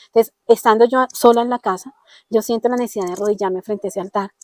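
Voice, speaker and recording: A woman's voice: fairly high pitch, fairly even intonation, fast, warm tone, no room sound. A woman with a Colombian accent giving an earnest personal testimony, often acting out the dialogue she quotes. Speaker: interviewee telling her testimony.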